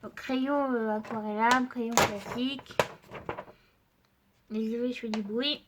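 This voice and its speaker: The recording is very noisy, and her voice runs on the high side, steady in tone and unhurried. She hosts an art channel, sounding stuffy from a cold while chatting straight to her viewers, full of fillers, about craft supplies and paper she's testing.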